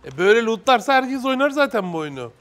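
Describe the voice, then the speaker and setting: High-voiced man teasing as off-screen host. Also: big pitch swings, fast talker, a bit bright. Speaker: show voice-over host.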